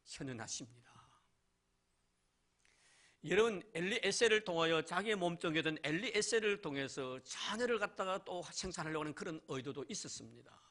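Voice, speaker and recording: A man's voice: a little high, pushed and bright. A male pastor preaching a sermon in church, asking rhetorical questions and addressing the congregation directly.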